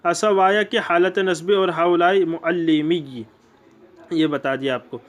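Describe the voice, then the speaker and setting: A man's voice: fairly high pitch, fairly even intonation, unhurried. A man with an Urdu accent giving a grammar lesson, explaining step by step and repeating key points. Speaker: teacher. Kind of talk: classroom lecture.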